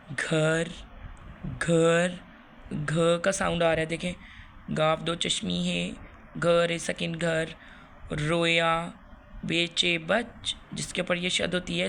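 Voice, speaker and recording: Pakistani urdu teacher lady, slow and patient, bright crisp voice, kinda gravelly. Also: fairly low pitch, a little hiss or hum. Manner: slow, repeats words and asks questions then answers them. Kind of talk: classroom grammar lesson for young children.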